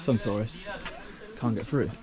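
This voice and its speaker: A man's voice: on the low side, takes it slowly, crowd noise. A man narrating his travel vlog outdoors in a chatty, rambling way, full of ums, into a handheld camera. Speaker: travel vlogger. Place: outdoors on a rock trail. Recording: outdoor noise with insects and crickets.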